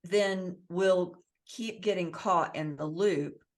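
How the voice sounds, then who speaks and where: A woman's voice: fairly low pitch, slow. Earnest woman coaching on healing. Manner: earnest, coaching tone, acts out quoted voices. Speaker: author, guest. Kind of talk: interview conversation. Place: based in the Southwest US.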